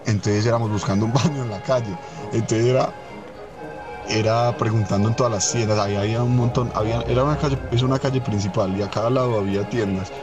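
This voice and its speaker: A young man telling a funny anecdote in a rapid, rambling, amused way. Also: on the low side, fairly even intonation, over music. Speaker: storyteller. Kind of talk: casual anecdote.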